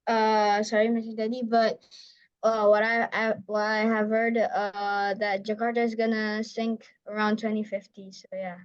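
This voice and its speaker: A woman's voice: medium pitch, level tone, moderate pace, smooth. A woman moderating an online discussion who calls on speakers politely with short prompts. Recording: dull lo-fi online call audio.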